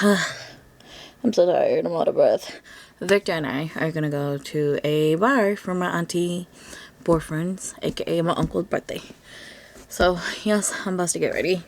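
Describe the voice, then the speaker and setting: A young adult woman vlogging in a casual, gushing style, full of slang and excited asides. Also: on the low side. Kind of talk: casual vlog chat.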